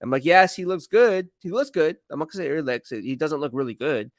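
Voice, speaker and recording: Answering viewers on a sports live stream, a football commentator and streamer from the San Francisco Bay Area rambles casually, using slang, emphasis and frequent repetition. The man's fairly high, animated voice moves briskly, captured in a dry, clean studio recording.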